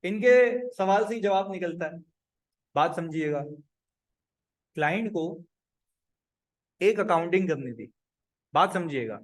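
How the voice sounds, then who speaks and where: A man teaching an accounting class with a high voice. He is animated, acts out client conversations and keeps quizzing the room. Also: unhurried, long pauses. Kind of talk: classroom lecture.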